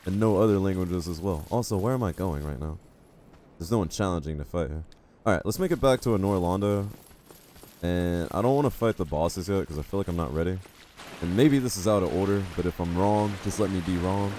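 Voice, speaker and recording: Speaking in a deep, warm voice at a brisk clip, a US streamer talks with viewers during a game, rambling and cracking self-deprecating jokes while reading chat aloud. There's slight background noise.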